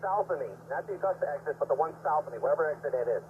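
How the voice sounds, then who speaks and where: A man, a police officer heard over police radio, giving hurried and hesitant location reports. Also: on the high side, animated. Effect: police radio transmission. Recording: noisy, tinny police scanner audio.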